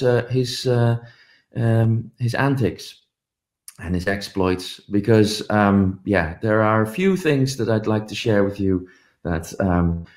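With a fairly low, slightly mellow voice, a middle-aged man recounts stories during a commemorative conference talk, hesitating often with um and uh. He's indoors in his home office, and a webcam on the video call picks him up.

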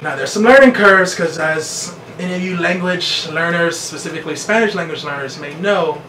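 An American man in his thirties vlogs to camera from a small bedroom, casually telling a story at a moderate pace in a slightly high voice. The distant mic picks up roomy echo and a noisy background.

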